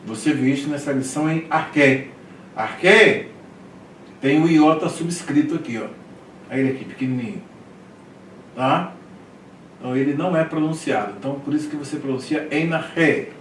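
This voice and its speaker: A man's voice: on the high side, normal speed, pauses often, slight background noise. A man teaching a classroom Greek lesson, drilling words one by one and checking in with his students. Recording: echoey room, mic at a distance.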